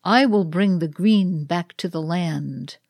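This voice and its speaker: A woman voicing the Green Man of Spring, a solemn heroic champion, declaiming slowly in a read-aloud ritual play. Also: lowish voice, a little mellow, no room sound, clean studio sound.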